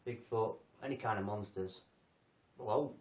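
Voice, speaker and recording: An English man who hosts a paranormal group leads a casual livestream chat, rambling and making self-deprecating jokes. His voice is fairly low and his speed normal. The recording is roomy, distant, and dull.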